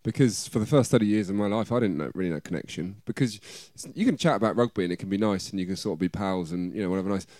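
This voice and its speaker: A man's voice: low-pitched, fast talker, hardly any pauses, darkish tone, no echo, studio quality. A man in reflective, earnest conversation as a host, repeating phrases as he searches for the right words.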